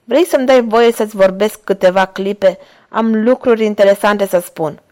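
A woman's voice: medium pitch, mellow, close to an everyday voice. Borgia, a woman reading an old lustful pope. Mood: coaxing.

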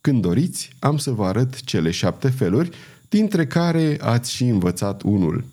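Cool, wry knight read by a man, steady delivery, mellow and expressive. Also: medium pitch. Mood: calm.

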